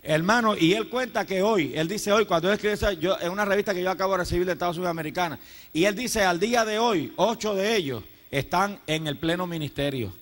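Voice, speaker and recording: Fervent high-voiced Puerto Rican pastor. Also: male voice, fast talker, a bit bright. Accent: Puerto Rican Spanish. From Puerto Rico. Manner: fervent, addresses listeners as "hermano", frequent praise interjections. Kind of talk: Pentecostal sermon. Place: church sanctuary.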